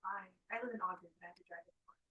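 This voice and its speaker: A woman in the audience speaking in short, halting pieces. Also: mid-range voice, steady tone, breathy edge, dry recording, narrow, tinny audio.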